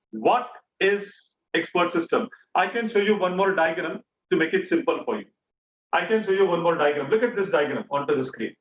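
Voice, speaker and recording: A man's voice: sits high, fairly bright tone. A man with an Indian accent teaching an online class interactively, repeating key phrases and questions for emphasis. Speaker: online bootcamp instructor. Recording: echoey, distant mic, faint noise.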